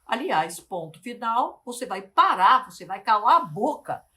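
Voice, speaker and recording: A woman, a life mentor teaching to camera, speaking slowly and articulating carefully, often asking the viewer questions. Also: a little high, sing-song, pushed and bright. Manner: deliberate, slowed, carefully articulated delivery.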